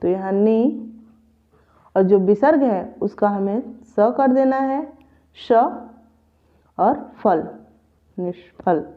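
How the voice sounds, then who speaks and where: A woman's voice: mid-range voice, slow pace, pauses often. A woman teaching a grammar lesson for exam preparation, patiently repeating each example step by step. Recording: tinny phone-like audio.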